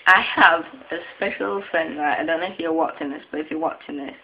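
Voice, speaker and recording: A woman's voice: deep voice, a little fast, gravelly, a little hiss or hum. A young woman from England, vlogging in a hyperactive, random rush and swearing a lot. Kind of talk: hyperactive webcam vlog. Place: at a laptop. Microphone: cheap webcam. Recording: dull lo-fi webcam audio.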